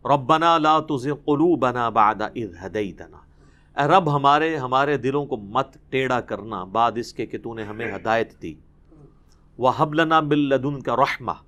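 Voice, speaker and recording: A man's voice: mid-range voice, fairly bright tone. A man giving a Quran commentary lesson, explaining emphatically and reciting Arabic verses between his explanations. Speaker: Quran teacher.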